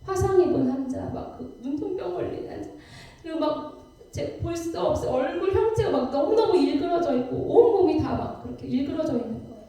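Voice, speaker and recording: A woman's voice: high voice, lively intonation, brisk, warm tone, distant mic. A woman missionary giving a sermon testimony, telling her story vividly and dramatically in a church. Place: church sanctuary. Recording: echoey church hall from afar.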